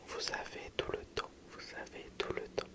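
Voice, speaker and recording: Someone whispering a soothing, spa-like ASMR guided relaxation as a video host, softly repeating phrases. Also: moderate pace.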